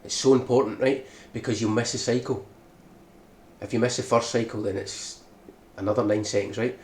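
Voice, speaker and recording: A man's voice: medium pitch, steady tone, normal speed, darkish tone. A man narrating a game tutorial, walking through a speedrun strategy and often checking in with "right?". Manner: explanatory, keeps checking in with "right?". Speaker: speedrun guide maker. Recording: echoey room with background noise.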